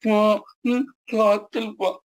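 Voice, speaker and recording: A man's voice: sits high, flat delivery, slow pace, voice pushed up. A man voicing a whiny churchgoer who pleads and fusses over small itches and pimples. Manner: whining, pleading.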